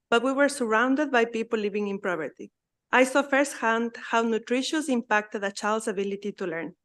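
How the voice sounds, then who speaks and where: A woman from Ecuador with an Ecuadorian Spanish accent, a native Spanish speaker, earnestly reading prepared testimony as a public witness. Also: a little high.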